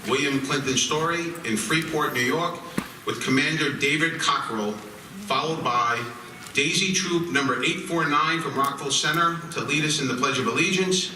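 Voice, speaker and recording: A man's voice: fairly high pitch, moderate pace, pushed and bright. An American man acting as master of ceremonies, making formal announcements at a public event. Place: large echoey room at a public ceremony. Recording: echoey hall, distant mic, noisy.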